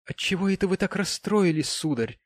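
A man putting on a flustered middle-aged landlady, high, fluttery exclaiming, dry audiobook. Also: expressive, brisk, dry recording.

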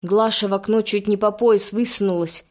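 A woman's voice: mid-range voice, fairly even intonation, moderate pace, darkish tone. A woman reading a folk-style story aloud, narrating expressively.

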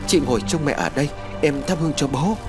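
Scared young daughter done by a man, raised pitch, lively, pleading, music under it. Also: quick pace, natural voice. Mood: anxious. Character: young woman, frightened anxious daughter.

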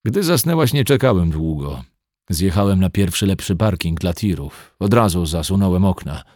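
A man reading the part of a calm, quietly menacing man in his forties in an audiobook, speaking in a cool and controlled way. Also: sits low, moderate pace, no room sound, clean studio sound. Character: 42-year-old man, calm yet menacing.

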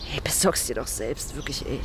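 In a very noisy recording, an actress with a bass voice plays a blunt, slangy young woman in a naturalistic radio drama. Speaking at normal speed, she sounds angry and scornful, hurt and cutting toward her boyfriend.

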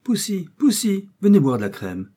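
Man reading as kindly old squire, mellow, slightly husky, audiobook. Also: mid-range voice, expressive, moderate pace, voice pushed up. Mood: doting. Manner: warm, doting. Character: fond old English country gentleman.

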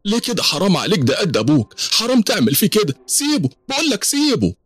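A man's voice: huge pitch swings, fast, husky, dry recording, full character voice. A man with an Egyptian accent voicing a frantic old woman who pleads and protests. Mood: pleading. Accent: Egyptian Arabic. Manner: shrill, pleading.

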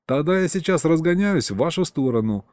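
Young male pilot, mock-dramatic, wry, drawling, as a man puts him on, warm dry sound. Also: fairly high pitch, expressive, a little fast, no room sound, voice pushed up, close to an everyday voice. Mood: joking. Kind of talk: audiobook character voice.

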